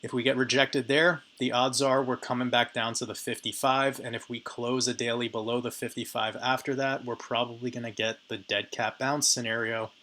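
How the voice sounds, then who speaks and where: A man with a hoarse, raspy voice giving casual chart analysis commentary on crypto markets and addressing his viewers directly. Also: medium pitch, little pitch movement, normal speed, hardly any pauses, sharp tone. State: hoarse, raspy voice from talking a lot.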